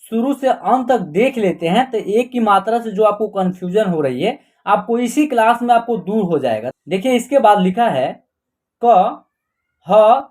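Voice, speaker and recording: A man's voice: high-pitched, a little mellow. A man teaching an online Hindi lesson, patiently sounding out letters and words one at a time. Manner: slow and patient, repeating and sounding out each letter.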